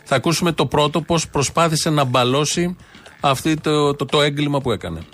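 A man's voice: on the high side, fairly bright tone, soft background music. A man hosting a commentary show, mocking and ironic as he remarks on news clips. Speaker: radio show host.

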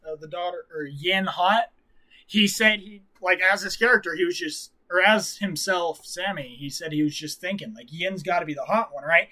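A man's voice: high-pitched, bright, forceful tone. A man narrating a tabletop role-play game as game master, playful and often laughing.

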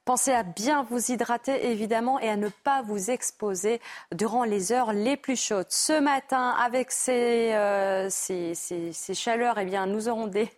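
A woman delivers the live weather forecast in a somewhat high voice. She pauses often and uses fillers as she reads the temperatures. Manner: hesitant, with fillers. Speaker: weather presenter.

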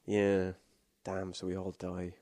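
A man's voice: low voice, completely flat delivery, takes it slowly, warm tone, no room sound, clean studio sound. A man in his thirties in a casual comedic chat, rambling and jokey, laughing often and restarting his sentences.

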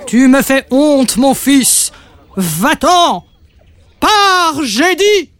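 A woman's voice: a little high, takes it slowly, no room sound. A woman voicing a proud, stern male father dragon who speaks in a solemn, commanding way, in a storybook reading. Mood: furious.

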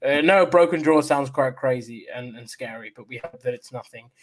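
A man hosting a wrestling news show in a casual, chatty style, often halting and restarting his sentences. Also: medium pitch.

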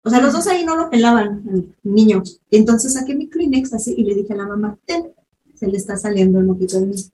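A woman's voice: mid-range voice, fast. A woman with a Mexican accent hosting a casual podcast chat, telling stories and acting out quotes with animation. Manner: animated storyteller, acts out quotes. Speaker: podcast host. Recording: echoey room with faint noise.

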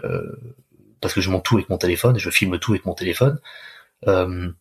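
A man's voice: low voice, fairly quick, breathy edge. A man working as a fitness coach, talking casually in an interview, loose and chatty with many restarts.

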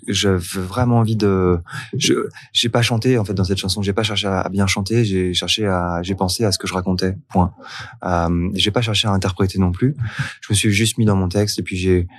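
A man from France, a singer-songwriter guest, talking in a relaxed interview with many fillers and restarts. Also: low-pitched, normal speed, no room sound, clean studio sound.

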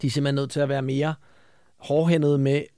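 A man's voice: medium pitch, little pitch movement, mellow, dry recording, studio quality. A man in casual podcast chat, giving opinionated commentary on reality TV and often ending sentences with tag questions.

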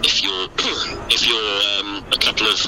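A man's voice: fairly low pitch, fairly even intonation, a little slow. A man with a British accent co-hosting a podcast by phone, chatting in a jokey, rambling, hesitant way. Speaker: podcast co-host and para-athlete. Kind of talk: casual chat. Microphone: phone call. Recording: noisy phone call recording.

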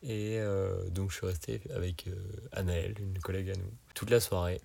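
A man's voice: deep voice, flat delivery, moderate pace, vocal fry, dark tone. A young man from France joining as a guest, telling his journey in a laid-back way with hesitations. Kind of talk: casual chat.

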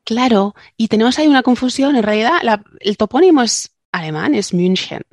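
A woman's voice: on the high side, lively intonation, a little fast, a little mellow, dry recording. A woman co-hosting a casual science podcast, a linguist who chats, jokes and explains things with digressions. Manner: chatty, joking, explains with digressions.

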